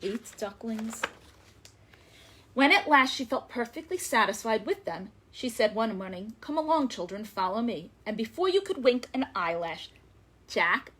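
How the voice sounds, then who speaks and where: A librarian reads a story aloud to young children, her slightly high voice expressive and emphatic as she lingers on words.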